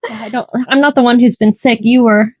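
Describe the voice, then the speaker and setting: Teasing young woman, higher voice, dry sound. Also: fairly quick, no echo, low-quality recording. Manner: animated, teasing, laughs often. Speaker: podcast co-host. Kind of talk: casual chat.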